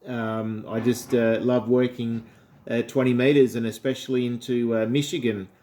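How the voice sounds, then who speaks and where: Chatting casually over ham radio, an Australian-accented amateur operator sounds friendly and complimentary. He has a dark, mid-range voice with little pitch movement at a moderate pace, and there's a slight hiss or hum on the line.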